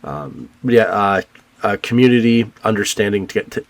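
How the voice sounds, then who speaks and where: A man hosting a let's play, chatting casually and haltingly with lots of fillers and restarts, offhand and a bit profane. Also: on the low side, steady tone. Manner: rambling and hesitant, many fillers and restarts. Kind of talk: casual gameplay commentary.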